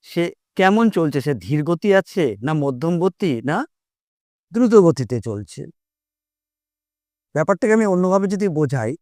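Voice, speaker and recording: A man with a fairly high, smooth voice teaches a lesson, explaining patiently and going back over each point. He breaks into short children's rhymes to show how they move. The sound is dry and close, with no room echo. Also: a little mellow.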